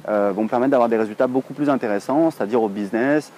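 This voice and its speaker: A French man in his thirties talks straight to camera in a loose, rambling vlog, filling pauses with hesitations as he goes. His voice is mellow and soft-edged, at an ordinary pitch for a man. Faint urban street noise sits behind him outdoors. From France. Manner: chatty, rambling, many hesitations. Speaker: online English teacher, blogger.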